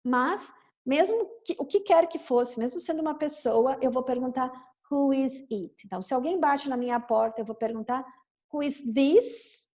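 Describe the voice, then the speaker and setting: A woman's voice: high-pitched, fairly quick, a little mellow. A woman from Brazil, explaining an English story line by line in a patient, repetitive teaching manner. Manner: patient, explanatory, repeats phrases. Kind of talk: bilingual story-reading lesson.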